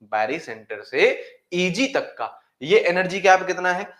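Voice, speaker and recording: A man's voice: high-pitched, very animated, measured pace, a bit bright. A man teaching chemistry in a classroom lecture, who repeats key phrases and asks his students questions that he then answers himself. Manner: calls students "beta" affectionately. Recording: echoey room.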